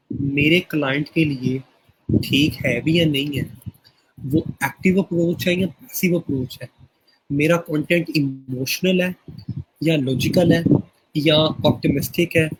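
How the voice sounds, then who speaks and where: A man's voice: a little high, husky, poor audio. A man teaching an online class over a screen share. He explains each step and keeps checking in with his students. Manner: explanatory, checks in often with "theek hai". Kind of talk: screen-share tutorial lesson.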